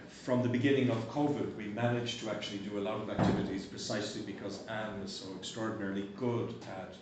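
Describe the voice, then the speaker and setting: A man chairs a conference and gives its closing remarks, brisk and courteous as he thanks the people involved. His voice sits fairly low and comes from a distance, with a strong echo off the hall. Steady noise runs underneath. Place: university lecture hall. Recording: echoey hall, distant mic, noisy.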